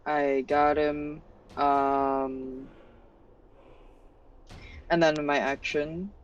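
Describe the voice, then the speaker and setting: Brief: slow, easygoing game player on muffled audio. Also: mid-range voice, little pitch movement, clean tone. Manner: unhurried, asks rule questions. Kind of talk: casual tabletop play. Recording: dull lo-fi audio.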